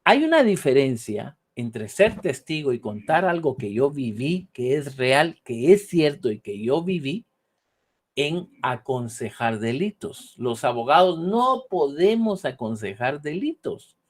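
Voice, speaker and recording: A man's voice: mid-range voice, very animated, a little slow. A man lecturing on law, often ending points with a questioning tag and acting out short example dialogues. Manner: ends points with a questioning "¿verdad?". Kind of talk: online university lecture.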